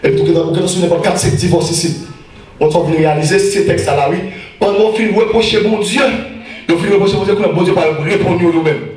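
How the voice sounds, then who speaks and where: A man with a Haitian accent, preaching as an evangelist in a church, often shouting and repeating phrases. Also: sits high, fast. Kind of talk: preaching a sermon. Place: church sanctuary. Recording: echoey church hall from far off.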